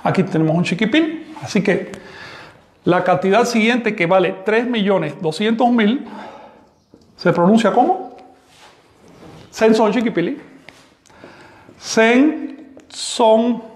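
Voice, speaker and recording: A man's voice: sits high, unhurried, roomy sound. A man giving a live online math class, who explains step by step, asks the class questions and makes the odd sarcastic aside. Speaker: teacher of vigesimal math.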